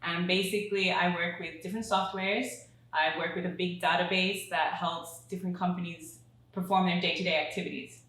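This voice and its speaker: Woman with australian accent, lowish voice, laughs a lot, chatty, roomy echo. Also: fairly even intonation, a little fast, a bit bright. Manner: giggly, chatty. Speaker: guest. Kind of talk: casual interview.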